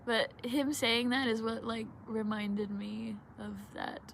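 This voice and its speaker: A woman's voice: a little high, steady tone, takes it slowly, gravelly, fairly bright tone, slight background noise. A woman rambling in casual chat with a giggly stoner drawl, often losing her thread. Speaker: vlogger.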